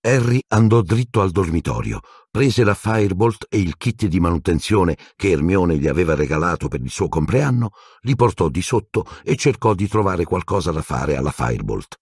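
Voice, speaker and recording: A deep-voiced man reads the story aloud with a husky grain and a lively, swooping melody. The recording is dry and close, with no room sound. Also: normal speed, few pauses, dry recording. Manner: expressive storytelling, lively intonation. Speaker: audiobook narrator. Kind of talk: audiobook narration.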